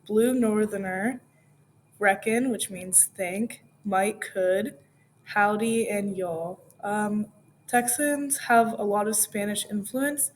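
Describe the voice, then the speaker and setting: Brief: young woman, very slow delivery, explanatory student presenter. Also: medium pitch, darkish tone, slight background noise. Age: young adult. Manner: explanatory, with ums. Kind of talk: class presentation.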